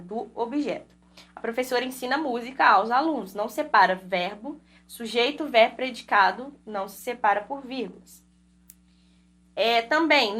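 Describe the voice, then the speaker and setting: A woman's voice: fairly high pitch, a bit bright. A young woman, teaching a grammar lecture for exam prep. She explains point by point and keeps checking in with her students. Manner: explains step by step with frequent tag questions. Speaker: Portuguese teacher.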